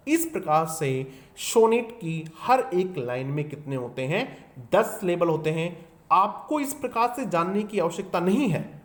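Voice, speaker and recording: A male teacher giving an exam-prep lecture, explaining step by step, asking his students questions and answering them himself, and slowing down to dictate English sentences. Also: on the high side.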